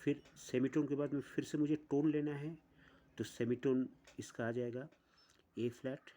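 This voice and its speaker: A man teaching an online music lesson, explaining step by step with pauses. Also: mid-range voice, fairly even intonation, dark tone.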